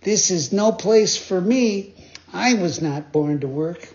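Puppet boy, high and pleading, eager and easily frightened, voiced by a man; dull lo-fi storybook reading. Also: lively intonation, slow, a little mellow, full character voice. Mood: weary. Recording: dull lo-fi sound.

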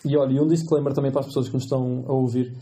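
A medical student in his twenties, speaking very fast in a mid-range voice with a European Portuguese accent, tells lively, slangy anecdotes as a guest in a casual interview.

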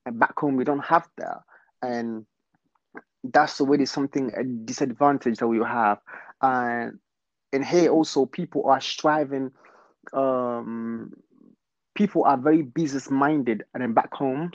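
A Congolese-born London man talking in a casual interview as a guest, hesitant and filling pauses with ums. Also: medium pitch, no room sound, dull audio. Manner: hesitant, many ums, laughs easily. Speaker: guest, fashion brand founder.

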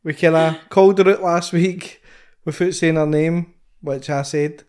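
A man with a Scottish accent co-hosting a podcast, chatting in excitable, rambling banter. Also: fairly high pitch, a little slow. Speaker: podcast co-host. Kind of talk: casual chat.

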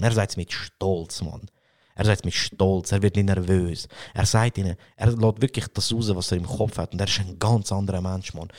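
A young man from Switzerland with a Swiss German accent, talking casually and excitedly about a film, swearing often and repeating words as he goes. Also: on the low side. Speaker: podcast host.

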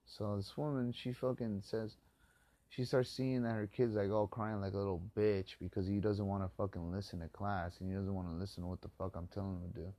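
A man's voice: fairly low pitch, little pitch movement, brisk, warm tone, no room sound. A man hosting a podcast, delivering a profane, hostile, ranting monologue into a close mic. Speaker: podcast host. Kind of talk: angry monologue rant.

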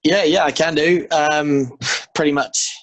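Flat-voiced New man, chatting. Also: on the high side, unhurried, dry recording, poor audio. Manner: easygoing, rambling with fillers. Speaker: guest rugby player. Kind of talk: casual podcast chat.

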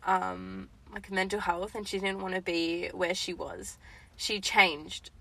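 A woman's voice: fairly low pitch, level tone, slow pace, gravelly, a bit bright. A woman co-hosting a casual advice chat, talking informally with slang and swearing. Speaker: podcast co-host.

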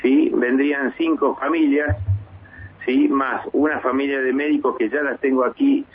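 A man in his fifties from Argentina, a base commander speaking in a measured way, with many hesitations and restarts, in a radio interview by phone. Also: medium pitch, fairly even intonation, husky. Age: 50s. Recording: tinny phone line.

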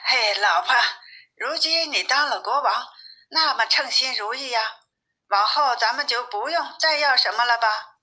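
A woman's voice: fairly high pitch, unhurried, sharp tone, voice pushed up, full character voice. A woman doing a meek, fearful old fisherman. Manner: meek, pleading.

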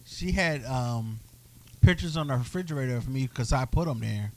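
A man's voice: medium pitch, expressive, moderate pace. A man co-hosting a podcast, rambling through long, detailed retellings in casual chat. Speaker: podcast co-host.

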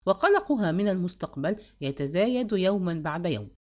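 Woman narrating an audiobook, lively pitch. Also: a little fast.

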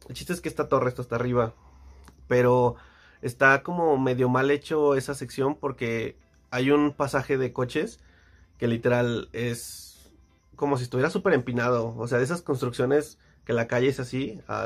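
A man's voice: mid-range voice, normal speed, gravelly, soft background music. A young man with a Mexican Spanish accent, casually telling a story with lots of slang and acted-out voices. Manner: slangy, animated, acts out voices.

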